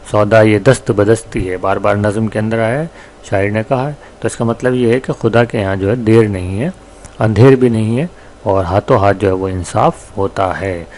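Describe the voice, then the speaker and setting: A man teaching a class, explaining word meanings slowly and patiently and repeating himself for students. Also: lowish voice, a little mellow, slight background noise. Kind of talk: recorded classroom lesson.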